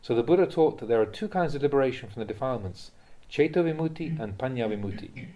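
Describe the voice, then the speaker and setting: Reading translated Buddhist teachings like an audiobook, a mid-pitched male voice sounds warm and animated. He keeps a measured, instructive pace and lays out every phrase clearly.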